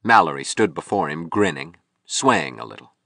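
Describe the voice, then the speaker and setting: A man narrating an audiobook novel in a measured, expressive storytelling manner. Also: low voice, vocal fry, no echo, clean studio sound.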